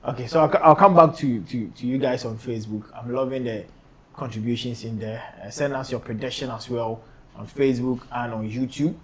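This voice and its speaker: Guy doing live play-by-play, mid-pitched voice, easy laughs. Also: brisk, slight background noise. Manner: calls the play, laughs often. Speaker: play-by-play commentator. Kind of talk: live football commentary.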